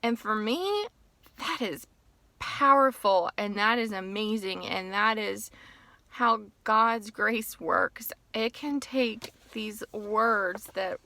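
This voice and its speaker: A woman's voice: medium pitch, takes it slowly, sharp tone, no echo. A middle-aged woman talking casually in a personal vlog from her parked car, heartfelt and rambling, sometimes tearful. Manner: emotional, tearful at times, rambling. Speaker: author and teacher.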